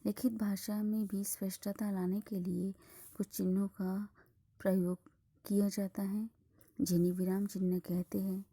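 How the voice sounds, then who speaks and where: A woman teaching a school grammar lesson, explaining slowly and deliberately, with many phrases dropping into a breathy half-whisper. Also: mid-range voice, little pitch movement, warm tone.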